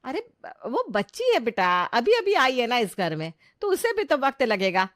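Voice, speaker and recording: A woman's voice: on the high side, huge pitch swings, moderate pace, no echo, studio quality, pitched above the performer's own voice. A woman voicing a pushy, middle-aged mother-in-law in a cartoon who talks insistently and coaxingly.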